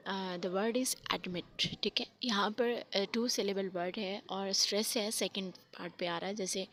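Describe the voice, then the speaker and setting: A woman teaches spelling rules in a patient, step-by-step way, her voice at an ordinary middle pitch. She mixes English terms into her explanations. A faint hiss of noise sits behind her. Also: fairly bright tone.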